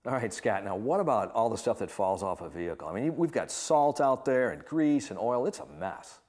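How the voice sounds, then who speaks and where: A man's voice: medium pitch, expressive, fairly quick, darkish tone. A man hosting an infomercial with an upbeat, emphatic hard-sell delivery, presenting and putting questions to guests. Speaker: infomercial host.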